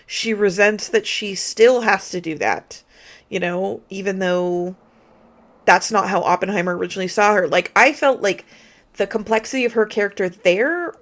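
A woman co-hosts a casual film podcast, eager and opinionated as she works through her reading of a movie. Her voice sits at an ordinary middle pitch for a woman. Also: normal speed, fairly bright tone. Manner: enthusiastic, opinionated, talks through her ideas. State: slight hiccups. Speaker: podcast co-host. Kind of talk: casual film review chat.

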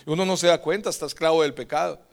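A man preaching, telling his testimony softly and then exhorting loudly. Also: on the high side, steady tone, fast talker, gravelly. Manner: swings from hushed storytelling to loud exhortation. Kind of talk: sermon with personal testimony.

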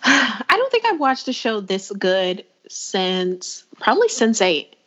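Husky woman, lively storytelling. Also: mid-range voice, slow pace, highs cut off. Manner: animated storyteller, retells scenes in voices. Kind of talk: casual chat reviewing a TV show.

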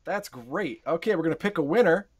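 A man's voice: a little high, animated, fairly quick, muffled recording, a crowd in the background. A man co-hosting a game stream, describing games in casual, rambling talk full of fillers. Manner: rambling, many fillers and restarts. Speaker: co-host of a game stream show. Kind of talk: casual game review chat.

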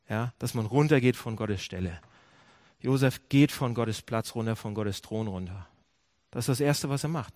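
A pastor delivers an animated sermon to his congregation, firing questions at his listeners and often restarting or correcting himself mid-phrase. His voice is medium in pitch, recorded cleanly in a studio with no echo.

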